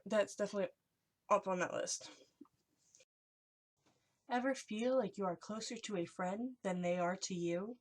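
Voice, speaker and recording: A young adult woman vlogging in a hushed, whispery voice, chatting casually as she reads and reacts to short messages. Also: medium pitch, normal speed, pauses often. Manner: hushed, whispery delivery, as if sharing secrets.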